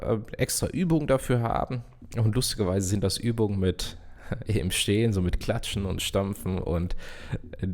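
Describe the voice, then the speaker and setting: A man giving a casual online piano lesson, talking straight to the viewer and singing rhythms as syllables while he plays. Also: fairly low pitch. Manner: relaxed, talks directly to viewer, sings rhythms as syllables. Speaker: piano teacher. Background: piano playing.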